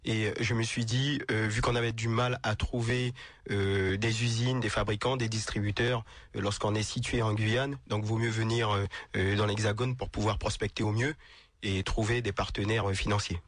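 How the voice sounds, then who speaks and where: A man from French Guiana answers questions as an entrepreneur on a radio show, hesitant and halting. His voice sits slightly low. The studio sound is dry. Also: little pitch movement, dry recording. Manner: hesitant, many fillers. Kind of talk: radio interview.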